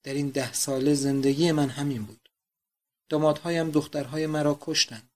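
A man's voice: fairly high pitch, steady tone, natural voice. A man voicing a dying old father who pleads feverishly for his daughters. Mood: bitter.

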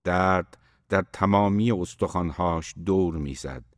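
A man reading a novel aloud as its narrator, in a measured, steady way. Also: sits low, no room sound, studio quality. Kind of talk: audiobook narration.

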